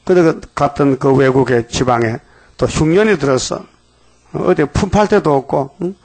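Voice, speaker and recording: A man's voice: a little high, moderate pace, darkish tone. An older man preaching a dawn revival sermon, telling a parable in a colloquial way and acting out the characters' dialogue.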